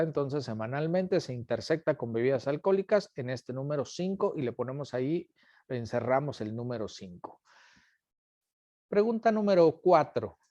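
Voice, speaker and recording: A man's voice: medium pitch, warm tone, no room sound. A man teaching an online class, patiently repeating each question and calling on students by name. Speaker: instructor.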